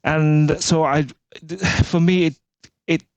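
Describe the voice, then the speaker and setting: A man's voice: a little high, flat delivery, slow, a little mellow, dry recording, muffled recording. A man, a guest speaking in an earnest, reflective way with frequent restarts. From Malaysia. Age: 40s. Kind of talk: casual interview talk.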